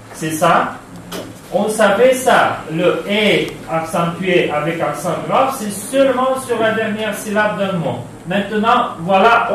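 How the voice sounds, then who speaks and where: Slow Romanian-accented man teaching French. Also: high-pitched, a bit bright, a little hiss or hum. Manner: slow, halting delivery with frequent "euh", spelling out letters and repeating words. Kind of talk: classroom lesson on spelling rules. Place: classroom. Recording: very echoey classroom, voice from far off.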